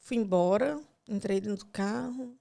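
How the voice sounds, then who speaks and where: A podcast guest with a gravelly, mid-range voice speaks at a normal pace. She tells a hurtful personal story while crying, voicing every exchange as quoted dialogue, and her voice breaks softly as she goes.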